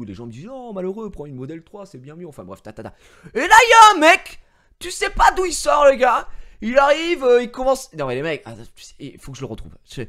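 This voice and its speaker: A man in his thirties, a streamer chatting casually to his viewers, telling stories in an animated way and swearing freely. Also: fairly high pitch. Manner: animated storytelling, swears freely, mocks others in raised voice. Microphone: gaming headset.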